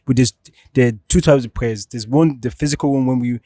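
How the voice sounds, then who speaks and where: A man's voice: medium pitch, a little fast, dark tone, dry recording, clean studio sound. A man working as a street interviewer, asking questions in a casual, conversational style.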